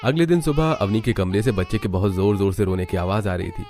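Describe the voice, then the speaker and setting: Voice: sits low, fairly quick. एक कथावाचक एक हिंदी कार्टून कहानी को लिखे हुए अंदाज़ में, सधे सुर में सुनाता है।. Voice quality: even, storytelling. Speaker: narrator. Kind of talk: scripted story narration.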